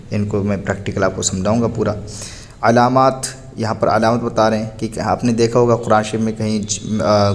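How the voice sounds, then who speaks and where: A man teaching a Quran reading lesson. He spells words out slowly, letter by letter, and patiently answers his own questions. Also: lowish voice, a little mellow. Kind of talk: recorded lesson.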